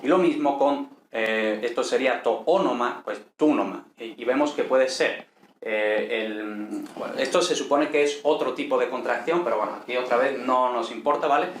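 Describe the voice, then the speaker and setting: A man, explaining a language lesson at an unhurried pace, with many checking questions and fillers. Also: medium pitch. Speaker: teacher. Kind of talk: explaining ancient Greek lesson. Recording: echoey room with faint noise.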